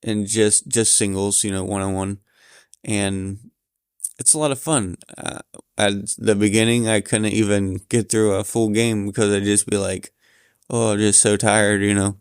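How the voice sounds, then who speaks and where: A weary man talks quietly from his bed, his voice low, clear and smooth. He stays fairly flat as he works through his thoughts, pausing and restarting. The sound is close and dry, with no room around it. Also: dry recording. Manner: tired, halting, reflective. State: sleepy, yawning. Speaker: vlogger recording his thoughts. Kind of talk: candid personal monologue. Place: lying in bed at home.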